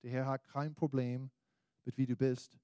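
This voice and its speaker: A medium-pitched male voice, warm and clean, speaks with flat delivery at normal speed, with no room sound. The speaker is a pastor and native English speaker whose American accent carries into his German as he preaches a casual evangelical sermon, directly urging listeners in colloquial language.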